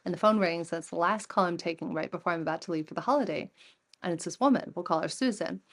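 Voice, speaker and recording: A woman in her forties, speaking a little low for her sex, talks with a guest's easy energy. She tells her anecdotes vividly and slips into the voices of the people she quotes. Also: fast. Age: 40s. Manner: lively storyteller who acts out quoted dialogue. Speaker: podcast guest, entrepreneur and coach. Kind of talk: conversational interview storytelling.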